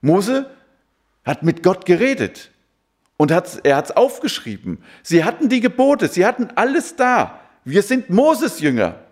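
A man's voice: sits high, big pitch swings, unhurried. A man preaching a sermon who keeps asking his listeners rhetorical questions.

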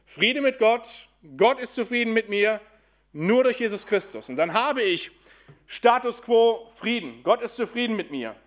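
Guy preaching a sermon, pretty high voice, keeps asking the crowd questions. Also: expressive. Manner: questioning the congregation, then answering himself; slows down for scripture quotes.

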